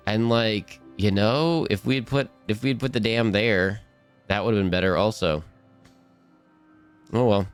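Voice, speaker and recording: A man's voice: on the low side, measured pace, pauses often, clean tone, soft background music. A man casually chatting while streaming a game, upbeat and talkative, reading chat aloud.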